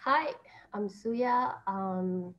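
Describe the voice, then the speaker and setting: An actress in her thirties, born in Taiwan and raised in Austria, gives conversational interview answers over a video call from a small, plain room indoors. Her mid-range voice is animated but extremely slow, and the computer mic recording is muffled, with background noise.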